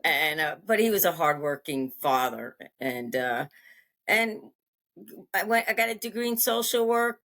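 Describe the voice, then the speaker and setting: An older woman from Long Island, New York, speaks in a slightly low voice. She tells personal stories casually, haltingly, rambling and doubling back on her phrases. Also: lively intonation, a bit bright. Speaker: podcast guest.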